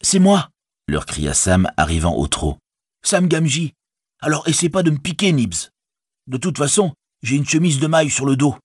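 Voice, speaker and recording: Brief: man voicing an earnest young male hobbit for a storybook, high, husky, dry sound. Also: moderate pace, no room sound. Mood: eager. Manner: earnest, excited. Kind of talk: audiobook reading.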